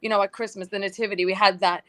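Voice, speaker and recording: Young woman from New York, lively storyteller, casual podcast roundtable guest. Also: medium pitch, rapid-fire. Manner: chatty, animated storytelling with quoted asides.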